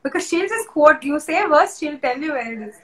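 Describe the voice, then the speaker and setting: This interview guest, a young woman with an Indian English accent, tells her personal story in a high-pitched, animated voice at a fairly quick clip. Earnest and open, she gets emotional, restarts sentences and lets out soft laughs.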